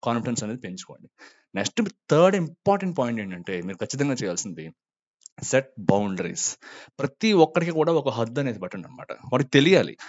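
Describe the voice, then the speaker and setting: A man's voice: mid-range voice, very animated, quick pace. A man giving a motivational talk, earnest and coaxing, dropping English words into his speech. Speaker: motivational speaker. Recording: slightly dull lo-fi audio.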